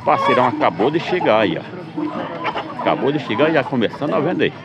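A man from Pernambuco, Brazil, narrates a cheerful vlog from an outdoor street market in a brisk, very animated mid-range voice. He keeps greeting his viewers in an upbeat, repetitive way. The recording is dull and lo-fi, with loud street noise.

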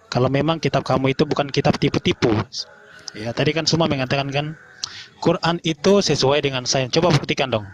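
A man in a heated online debate, lecturing combatively and spelling out words slowly to make his point. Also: mid-range voice, steady tone.

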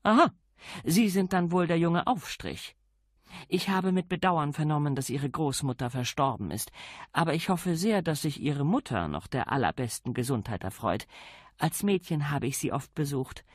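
A man reading an audiobook, voicing a grand aristocratic lady who speaks with brisk, commanding politeness. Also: a little high, expressive, dry recording, clean studio sound, voice pushed up. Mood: imperious. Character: grand, imperious aristocratic lady of ample size. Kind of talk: audiobook character voice.

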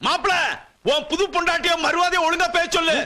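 Brief: threatening, blustering older father, high-pitched. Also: level tone, quick pace, background noise. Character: blustering, gun-toting old father. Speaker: actor. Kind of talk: Tamil film dialogue.

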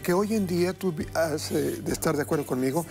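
A middle-aged man hosts a TV cooking segment on a kitchen studio set, talking through a lapel mic. He gushes with praise and drifts into little homilies. Music plays clearly underneath him. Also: fairly high pitch, fairly quick. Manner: effusive, flattering, preachy. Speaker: TV cooking show host. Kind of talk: warm effusive studio chat.

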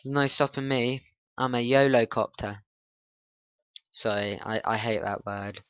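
A man's voice: medium pitch, unhurried, a bit bright, lo-fi sound, a little hiss or hum. A man rambling through let's-play commentary, flustered, grumbling and poking fun at himself. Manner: flustered, grumbling, self-mocking. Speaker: gaming channel host.

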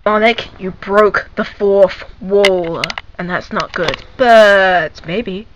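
A woman's voice: medium pitch, slow, lo-fi sound, slight background noise. A woman making teasing side comments in a homemade character play. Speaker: fan show performer. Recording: faint music behind.

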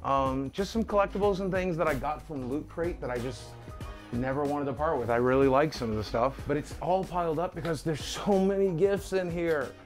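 Showing viewers around a house, this middle-aged video creator chats to camera with candid, self-deprecating ease as he moves through the rooms indoors. He speaks at a normal speed with a fairly high pitch, over background music.

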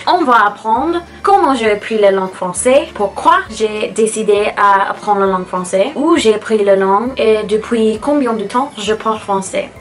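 A woman's voice: medium pitch, fairly bright tone. A woman in her twenties from California with an American accent, talking to camera in a casual, slightly hesitant vlog. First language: English. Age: 20s. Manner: careful, a little hesitant. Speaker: vlogger.

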